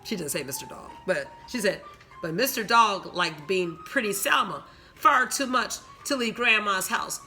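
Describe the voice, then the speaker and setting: A woman's voice: medium pitch, lively intonation, moderate pace, bright, forceful tone, faint music behind. A woman reading a picture book aloud, breaking off with chatty asides to her listeners and some advice for teenagers. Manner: gives moral advice to teens. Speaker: storyteller reading to young listeners.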